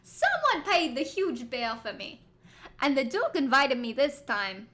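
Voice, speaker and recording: A woman's voice: high-pitched, very animated, a little slow, bright, forceful tone, heavily acted. A woman putting on a theatrical voice for a cryptic masked man in a game story. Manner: put-on, theatrical, emphatic.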